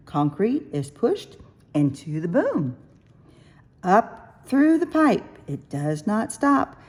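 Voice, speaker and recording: A woman with a medium-pitched voice reads a rhyming picture book aloud to young children, phrasing it in an expressive, sing-song, deliberate way.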